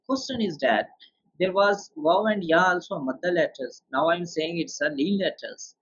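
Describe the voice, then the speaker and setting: A man with a somewhat high voice leads a beginner's tajweed lesson. He explains rules one by one and keeps quizzing his student. The sound is muffled and lo-fi. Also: animated, normal speed, a bit bright, husky. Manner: patient, quizzes the student with questions. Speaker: Quran tajweed teacher. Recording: dull lo-fi sound.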